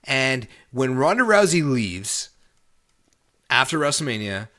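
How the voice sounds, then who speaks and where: A man co-hosts a casual wrestling podcast. He talks in an opinionated way and repeats his points to hammer them home. His voice sits in an ordinary middle pitch. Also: sing-song, a little slow, sharp tone. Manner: opinionated, repeats himself for emphasis. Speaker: podcast co-host.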